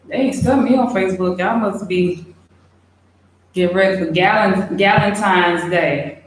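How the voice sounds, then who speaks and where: A young woman chatting casually, reading out and answering viewer questions in a relaxed way with many fillers. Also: mid-range voice, a little slow. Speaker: expat vlogger. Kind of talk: casual livestream Q&A. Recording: very echoey room, faint hiss.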